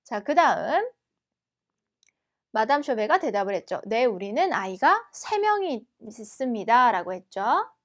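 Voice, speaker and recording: A woman teaching a language lesson, explaining patiently and repeating each word slowly and carefully. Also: a little high, very animated. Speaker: French teacher.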